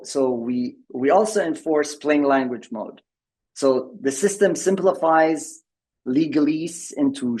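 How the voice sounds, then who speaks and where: Over a video call, a man presents on tech at a members' meeting, his medium-pitched voice a bit mellow and the recording rough. He keeps stumbling into fillers and restarting sentences throughout the conference presentation.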